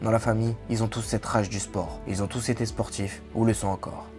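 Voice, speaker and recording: A low-voiced man reads documentary narration with measured, dramatic weight. Loud music runs under his voice-over throughout. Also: level tone.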